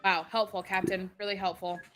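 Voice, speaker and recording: A woman's voice: mid-range voice, little pitch movement, a little fast, music in the background. A woman playing a tabletop game, urgently repeating commands to her party. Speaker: player. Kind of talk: excited tabletop play.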